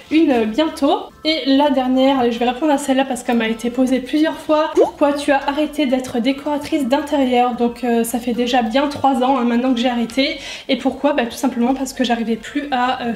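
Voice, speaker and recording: High-voiced chatty young woman, echoey kitchen. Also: darkish tone. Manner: chatty and self-mocking, frequent fillers. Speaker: lifestyle YouTuber. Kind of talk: casual Q&A vlog while cooking. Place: home kitchen.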